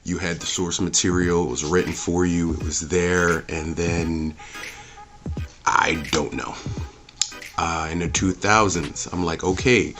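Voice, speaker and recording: Speaking over music in a deep, unhurried voice with fairly even intonation, a movie and game reviewer rants without a script. He stays blunt and opinionated, emphasizing points with rhetorical questions and curse words.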